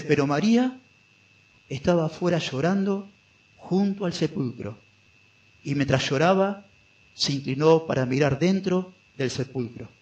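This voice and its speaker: A man preaching an expository sermon, who asks the congregation questions and answers them himself, and who drops to a soft, slow voice when he quotes scripture. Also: on the high side, highs cut off. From Argentina. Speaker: pastor.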